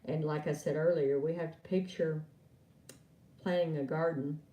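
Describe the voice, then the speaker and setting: A woman's voice: low-pitched, fairly even intonation, moderate pace, warm tone. A woman giving an oracle card reading on a live stream, chatting and laughing with viewers she calls by name. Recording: echoey room, far from mic.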